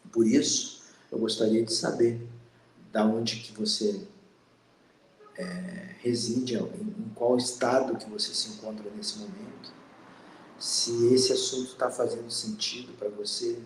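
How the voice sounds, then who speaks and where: A man in his fifties from Brazil, hosting a spiritual channel and giving a slow, earnest, reflective monologue. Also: mid-range voice, reverberant, a little hiss or hum, low-quality recording. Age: 50s. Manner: slow, pausing, earnest and introspective.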